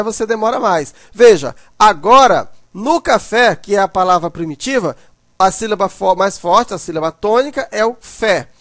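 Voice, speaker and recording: A man's voice: high-pitched, a bit bright, dry recording, studio quality. A man teaching a grammar lesson, explaining step by step and often checking in with "né".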